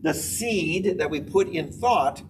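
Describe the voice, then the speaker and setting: A man teaching a spiritual class, speaking in slow, measured phrases and repeating affirmations. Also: fairly high pitch, lively intonation, far from the mic, soft background music.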